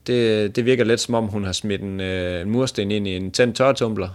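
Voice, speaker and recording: A man's voice: on the low side, steady tone, smooth. A man casually retelling an embarrassing date story to a co-host, joking crudely and laughing along. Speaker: podcast host.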